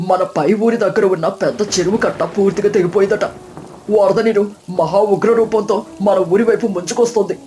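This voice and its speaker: A woman voicing an old village elder man who shouts urgent, breathless warnings. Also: medium pitch, fast talker, natural voice.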